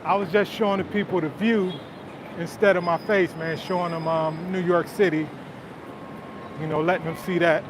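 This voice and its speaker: With a high-pitched voice and moderate pace, this Southern-accented man from Detroit, Michigan livestreams on his phone as he walks, keeping a relaxed, chatty tone. He replies to viewer comments and frequently uses "man," while city traffic and crowd noise from the busy streets bleed into the recording.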